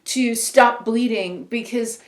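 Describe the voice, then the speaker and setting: A woman's voice: on the high side, slow, reverberant. A woman co-hosting a podcast, chatting casually and rambling with lots of filler words. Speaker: podcast co-host. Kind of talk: casual chat.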